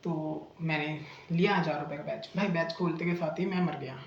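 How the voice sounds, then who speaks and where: A man's voice: fairly high pitch, fairly even intonation, brisk, echoey room, highs cut off, a little hiss or hum. A young man in casual vlog storytelling, retelling a bad experience in a chatty, indignant way, full of fillers and restarts. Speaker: vlogger recounting a bad coaching experience.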